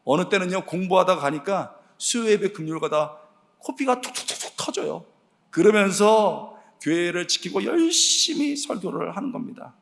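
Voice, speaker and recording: A middle-aged man preaching a sermon in a church sanctuary, telling a personal story in an animated, exclamatory way and often addressing the congregation directly. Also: high-pitched, moderate pace, creaky. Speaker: guest preacher and preaching professor. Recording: long church-hall reverb.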